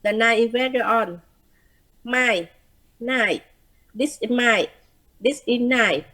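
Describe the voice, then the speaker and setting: A woman's voice: fairly high pitch, takes it slowly, sharp tone, low-quality recording. A woman student reading practice words aloud carefully, one word at a time.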